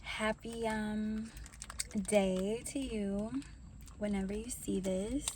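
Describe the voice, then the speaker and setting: Unhurried woman chatting while snacking. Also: medium pitch, slight background noise. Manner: relaxed, slow and unhurried, talks while snacking. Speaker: vlogger sharing intuitive messages. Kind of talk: casual vlog chat while eating.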